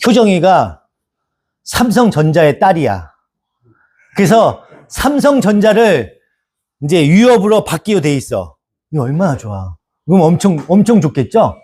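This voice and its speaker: A man preaching a Sunday sermon as pastor, animated and asking the congregation for agreement again and again. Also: high voice, normal speed, long pauses, slightly rough. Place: church sanctuary.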